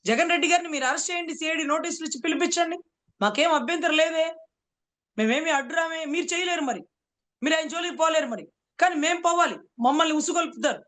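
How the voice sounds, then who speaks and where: A woman's voice: extremely high pitch, fast, a bit bright. A woman advocate giving heated political commentary, speaking rhetorically and repeatedly addressing her interviewer as "sir". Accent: Telugu.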